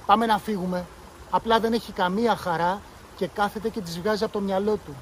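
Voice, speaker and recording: A man voicing a bossy, sharp-tongued young girl in a read-aloud story, speaking in a raised, scornful way. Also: high voice, fairly even intonation, slight background noise, voice pushed up, close to an everyday voice.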